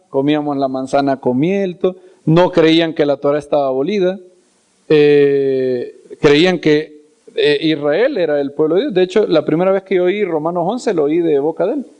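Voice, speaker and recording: A man preaching in a storytelling way, acting out the scenes he tells and repeating words for emphasis. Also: a little high. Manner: animated, acts out scenes and voices. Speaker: preacher and Bible teacher. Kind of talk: storytelling sermon.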